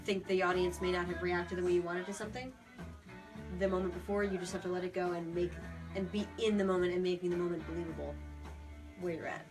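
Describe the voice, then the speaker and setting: Guitar music runs under this interview, where a young woman who works as a puppeteer and theater performer explains her craft. She speaks fast in a fairly low, flat voice, and her tone stays casual, earnest and thoughtful.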